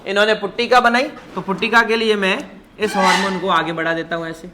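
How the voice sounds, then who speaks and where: A man's voice: high-pitched, little pitch movement, quick pace, background noise. A man giving a biology class lecture, quizzing his students with constant questions and calling them "child". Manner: calls students "child" affectionately. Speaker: biology teacher.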